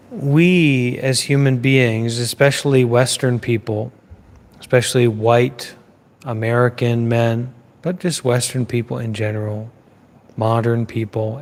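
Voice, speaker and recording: Recorded in a large, echoing space, a man teaches the Dhamma live in a mid-range voice with fairly even intonation. He goes at a measured pace, pausing as he repeats phrases in list form.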